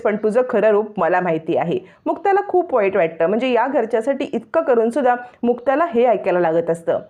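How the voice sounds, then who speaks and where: A woman narrating a recap of a family drama serial in a steady storytelling manner. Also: on the high side. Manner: steady storytelling, retelling dialogue.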